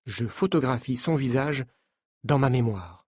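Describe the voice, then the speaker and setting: A male narrator reading a graded-reader story for language learners. He speaks slowly and clearly, his pitch moving a lot from phrase to phrase. The recording is close and dry. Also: expressive, darkish tone, no echo. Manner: slow, clear, deliberate.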